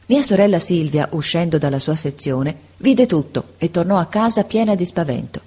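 Brief: female audiobook narrator, low husky voice, measured expressive reading. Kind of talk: audiobook narration of a classic story.

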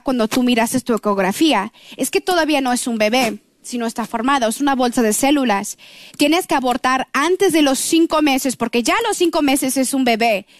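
High-voiced woman. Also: no room sound, clean studio sound. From Mexico. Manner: earnest, emotional storytelling with quoted voices. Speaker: guest giving testimony. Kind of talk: personal testimony on a radio program.

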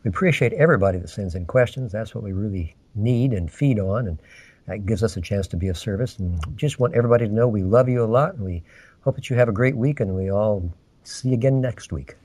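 Husky-voiced earnest man, dry sound. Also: lowish voice, a little mellow, no room sound. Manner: earnest and sincere, with slow deliberate phrasing. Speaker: podcast co-host. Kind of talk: casual podcast chat.

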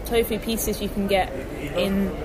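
A woman's voice: medium pitch, flat delivery, normal speed, poor audio. A woman co-hosting a radio chat, reading out listener mail and laughing easily. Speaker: radio co-host. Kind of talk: casual chat. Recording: busy crowd noise behind.

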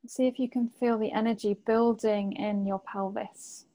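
A woman guides a meditation as if narrating a sleep story. Her voice is dark and relaxed, with very little rise or fall. She speaks gently and leaves long, unhurried pauses between phrases. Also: a little high.

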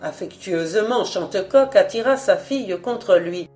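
A woman reading a novel aloud as narrator, in an expressive, dramatic way. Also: medium pitch, a little slow, faint music behind. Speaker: audiobook reader. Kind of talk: scripted narration.

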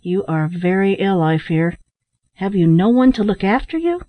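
A woman voicing a kind, earnest young man who speaks gently and soothingly, in a dull, dry recording. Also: mid-range voice, expressive, normal speed, no echo, natural voice.

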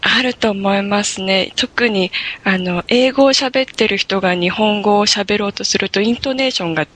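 Bright-voiced woman explaining calmly. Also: medium pitch, normal speed. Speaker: guest. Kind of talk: conversational interview.

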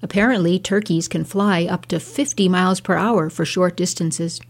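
A woman reads a scripted, measured, explanatory reflection in the manner of a nature documentary. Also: lowish voice, steady tone. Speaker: presenter of a spoken reflection series.

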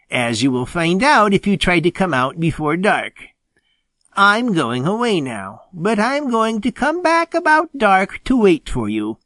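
A man's voice: high voice, a bit bright, no room sound, voice pushed up, full character voice. A man voicing a sly male skunk who calls out a mocking, vengeful warning.

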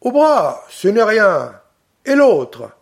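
A boisterous, mocking bandit from an audiobook, as a man reads him. He speaks high and slow, jovial even about grim things. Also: gravelly, full character voice. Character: gruff cheerful Corsican bandit man.

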